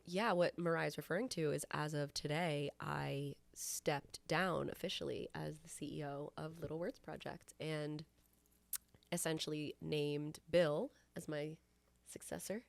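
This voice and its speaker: A woman's voice: deep voice, slow pace, vocal fry, dry recording. A woman in her thirties co-hosting a podcast, talking casually and laughing often. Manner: animated and laughing, fiddling with the recording settings. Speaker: podcast co-host, company founder. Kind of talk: casual chat.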